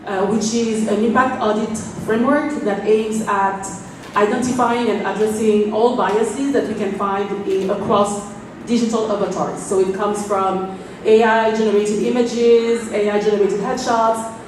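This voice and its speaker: A woman from France, speaking on a panel in a businesslike, fluent way with quick bursts and fillers. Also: on the high side, darkish tone. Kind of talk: panel talk. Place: event space. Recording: echoey room, mic from far off, faint noise.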